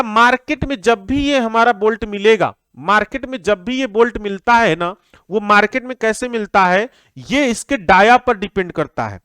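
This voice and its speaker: Young male lecturer, high clear voice, dry close sound, drills terms by repetition. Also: a bit bright, dry recording. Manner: repeats key terms, asks and answers his own questions. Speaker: civil engineering teacher. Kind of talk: classroom lecture.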